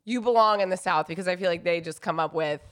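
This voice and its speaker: A woman's voice: fairly low pitch, fast, a bit bright. Giggly young woman co-hosting a chat. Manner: giggly, teasing. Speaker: podcast co-host. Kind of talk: casual chat.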